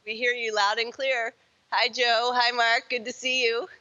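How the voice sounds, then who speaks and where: A woman's voice: on the high side, little pitch movement, measured pace, sharp tone, muffled recording. A woman hosting a live link-up event as a representative, upbeat and chatty. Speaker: event host, Peace Corps representative.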